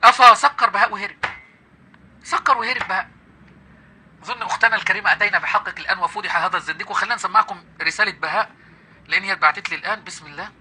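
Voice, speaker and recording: An Egyptian man hosts a heated live call-in, taunting his caller with mocking laughter. His speech races along at a very fast clip. His voice is high and sharply bright. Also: a little hiss or hum. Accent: Egyptian Arabic. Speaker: live-stream host. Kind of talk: confrontational live call-in debate.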